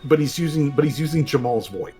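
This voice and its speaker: A man running a tabletop role-playing game as game master, narrating in a casual, halting and rambling way. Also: a little high, lively intonation. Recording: music playing behind the voice. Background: background music.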